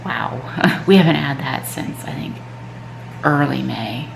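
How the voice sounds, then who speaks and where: Her voice is rumbling and low, and she talks slowly. She's a stuffed-up mom and triathlete making a chatty morning vlog at home, wandering from thought to thought with plenty of "um" and "like." The sound is roomy, with a little hiss or hum and clear background music beneath her.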